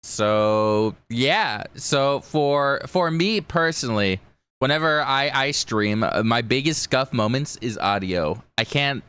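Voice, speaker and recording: A man's voice: medium pitch, expressive, takes it slowly, a bit bright, clean tone. A man hosting a podcast as a streamer, chatting casually in a rambling way peppered with "like". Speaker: podcast host and VTuber streamer. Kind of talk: casual chat.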